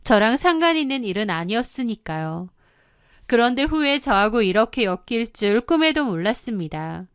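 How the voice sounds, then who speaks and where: A woman's voice: on the high side, very animated, moderate pace, smooth, no echo, clean studio sound. A woman narrating her own story in the first person, confiding and matter-of-fact.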